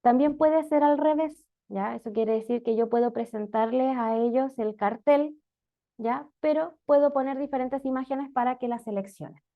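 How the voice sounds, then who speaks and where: Woman teaching, gravelly, muffled audio. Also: high-pitched, moderate pace. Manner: explanatory, frequent "¿ya?" and "eh" checks. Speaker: special education instructor. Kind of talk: online lecture on teaching reading.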